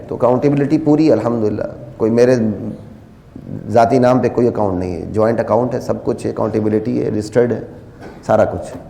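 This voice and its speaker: A man preaching a sermon, moving between quiet asides and loud, rising exhortation, and slowing down to recite Arabic verses. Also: medium pitch, creaky, in a large hall. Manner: quotes Quranic Arabic slowly. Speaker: religious teacher.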